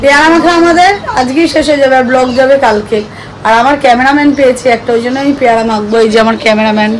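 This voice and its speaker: Woman, high-pitched, casual family cooking vlog, traffic noise behind. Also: rapid-fire, echoey room, rough recording. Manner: bossy, scolding a child at mealtime. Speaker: family vlogger.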